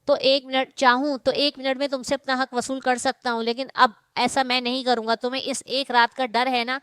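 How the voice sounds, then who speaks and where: A woman's voice: sits high, flat delivery, a bit bright, clean tone, no echo. A woman voicing a domineering, hot-tempered rich young husband in an audiobook, speaking in a harsh, commanding way.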